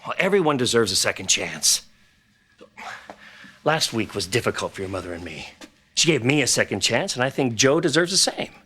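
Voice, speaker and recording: An actor playing a steady businessman father who speaks in a calm, measured and firm way. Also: mid-range voice, a little hiss or hum. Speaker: father of Ryan. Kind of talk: soap opera acting.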